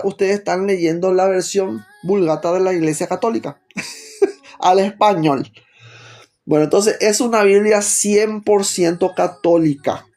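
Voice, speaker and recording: A man's voice: high-pitched, a little mellow. A man with a Rioplatense Spanish accent preaching a teaching sermon, stopping often to put rhetorical questions to his listeners.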